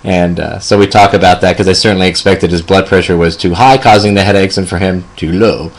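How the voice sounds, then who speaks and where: A man in his fifties, a hospice nurse, telling a personal story gently with many fillers. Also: sits low, steady tone, fairly quick. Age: 50s.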